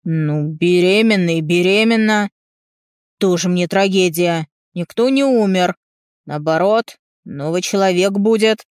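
A woman reading an audiobook voices a hot-tempered middle-aged father, loud and gruff, slower and bigger than her own narration. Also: high voice, no room sound, studio quality. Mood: softening.

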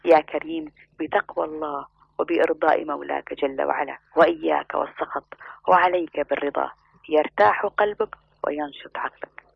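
A man's voice: on the high side, fairly even intonation, fairly quick, gravelly, husky, dry recording, heavily acted. A man voicing a dying father who gives his son solemn advice. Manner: solemn counsel. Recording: muffled lo-fi recording.

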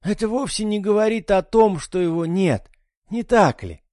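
A man voicing a weary, pious old father with a dry voice, quiet and reproachful. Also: sits high, expressive, normal speed, no echo, pitched above the performer's own voice. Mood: calm.

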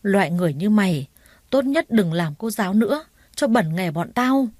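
A woman's voice: mid-range voice, expressive, moderate pace, dry recording, clean studio sound, lightly acted. A woman voicing an angry woman teacher who harshly accuses a colleague. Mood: furious accusing. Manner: angry, scolding, loud.

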